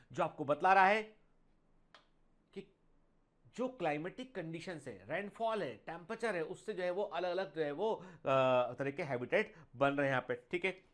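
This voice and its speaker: A man with a high voice and a fairly bright tone delivers an online biology lecture for exam preparation. His speech moves between Hindi and English, slowing for English lines he reads aloud, with students called "beta" and frequent uses of "theek hai."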